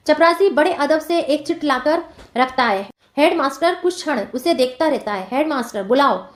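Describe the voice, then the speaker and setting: Brief: woman teacher reading a screenplay to a class, explanatory, high voice, roomy echo. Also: moderate pace. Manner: explanatory, addresses students directly.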